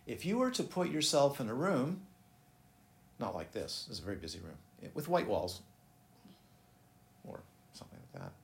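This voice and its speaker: This meditation teacher has a mid-range, creaky voice whose pitch swoops wildly, speaking at a moderate pace with long pauses. His dharma talk is casual and rambling; he keeps breaking off to question his listeners. The busy room echoes, with faint ambient noise.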